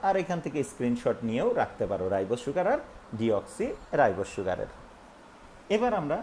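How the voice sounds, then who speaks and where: Male teacher, animated pitch, explains step by step and quizzes himself out loud; faint hiss behind the voice. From Bangladesh. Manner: explains step by step, asks and answers own questions. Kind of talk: recorded online lesson with screen.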